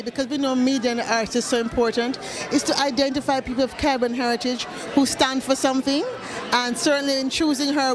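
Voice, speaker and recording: A woman's voice: high voice, low-quality recording. A woman speaking as an event founder in an interview, earnest and emphatic, repeating phrases like a speech. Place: event red carpet. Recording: lively crowd noise behind.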